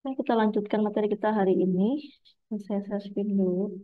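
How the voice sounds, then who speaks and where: A woman lecturer with a cold, stuffy and a little hoarse, walks students through her material at a patient pace with plenty of hesitant fillers. Her voice comes through a tinny, phone-like online call line. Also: medium pitch, fairly quick. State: has a cold. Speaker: university lecturer. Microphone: video call.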